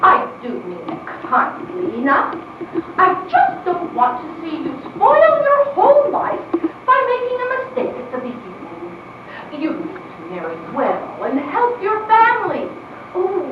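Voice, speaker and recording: A woman's voice: very high-pitched, huge pitch swings, unhurried, exaggerated voice. A woman acting a wealthy, bossy old aunt in a period drama, blunt and scolding in a haughty, exclamatory way. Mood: urging, condescending. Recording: echoey distant muffled recording, faint noise.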